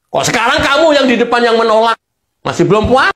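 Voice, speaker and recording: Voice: medium pitch, animated, fast, fairly bright tone. Indignant commentator in an echoey room. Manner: indignant, mocking, repeats phrases for emphasis. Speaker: political commentator. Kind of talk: heated opinion monologue.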